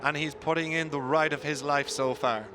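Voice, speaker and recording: A man giving live motorcycle race commentary as a motorsport commentator, with an animated, emphatic delivery. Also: fairly high pitch, moderate pace. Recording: clear vehicle noise throughout.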